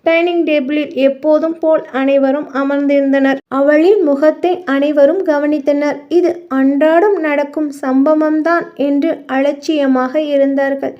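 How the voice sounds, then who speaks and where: A woman narrating an audio novel in a steady, dramatic storytelling manner, on muffled lo-fi audio. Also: sits high, a little slow, few pauses.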